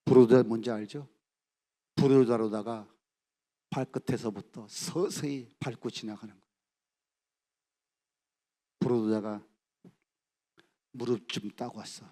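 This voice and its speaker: A middle-aged man preaching at a youth camp service, telling the story dramatically and acting out the characters' lines, swinging from shouts to hushed near-whispers. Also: mid-range voice, steady tone, measured pace, pauses often. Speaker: pastor. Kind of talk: sermon.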